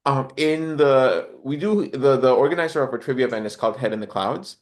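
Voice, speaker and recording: A man from Honduras, a podcast guest, chats in a casual interview, reflective and rambling with hesitant phrasing. His voice is mid-range and a little fast.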